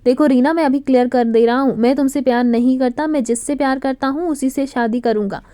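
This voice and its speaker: A woman reading a firm, steady young man in a storybook romance. He speaks calmly but without giving ground, in a mellow, high-set voice. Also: brisk, natural voice. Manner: firm, patient explaining.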